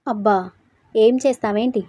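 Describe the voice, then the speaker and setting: A woman voicing a loud, teasing young husband. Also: fairly high pitch, steady tone, moderate pace, no echo, close to an everyday voice.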